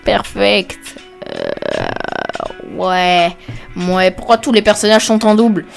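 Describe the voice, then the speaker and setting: A woman's voice: on the low side, huge pitch swings, slow pace, gravelly, soft background music. A woman giving casual, joking, off-the-cuff commentary while ranking characters, with muttered asides. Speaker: video creator ranking characters.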